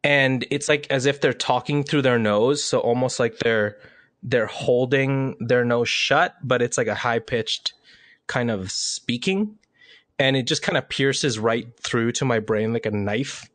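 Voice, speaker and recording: Male co-host, mid pitch, halting delivery full of fillers, dry sound. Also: a bit bright, dry recording. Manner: halting, searching for words, lots of fillers. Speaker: podcast co-host. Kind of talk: casual podcast chat.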